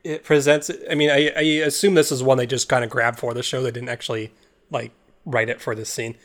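A man's voice: medium pitch, flat delivery, a little fast. A man hosting a podcast in casual chat, talking loosely with frequent restarts. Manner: loose, rambling, stumbles and restarts. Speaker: podcast host.

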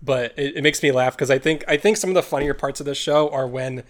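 A man's voice: medium pitch, quick pace. Casual rambling male podcast host. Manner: loose, rambling, stumbles and restarts. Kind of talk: casual chat.

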